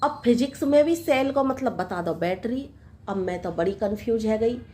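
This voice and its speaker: A woman's voice: fairly high pitch, normal speed, a little mellow, natural voice. A woman voicing a young, uneducated village daughter-in-law with simple rustic speech, coaxing and naive, in a comic sketch. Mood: explaining.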